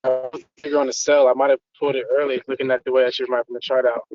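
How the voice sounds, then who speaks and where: Flat-voiced man on a dull call line. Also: mid-range voice, very fast, dry recording. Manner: casual, slangy. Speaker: member on call. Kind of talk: casual chat.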